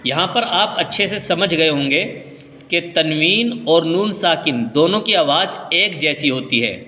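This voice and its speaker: A man from India teaching a step-by-step reading lesson, slowly drilling syllables one by one and then explaining them in plain words. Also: a little high, expressive, pushed and bright. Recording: echoey room with long reverb.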